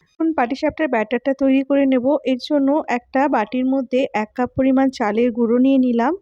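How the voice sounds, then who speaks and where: A woman, host of a cooking channel, calmly narrating a recipe step by step and speaking to her viewers as friends. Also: sits high, dry recording, muffled recording. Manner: calm, instructive, addresses viewers as friends.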